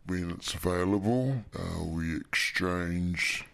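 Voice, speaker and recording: New guy, voice disguised by a filter so it's super deep and gravelly, talks real slow. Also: fairly bright tone. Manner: halting, hesitant, with many fillers. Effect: electronically disguised, deepened voice. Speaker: anonymous interviewee. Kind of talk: interview clip.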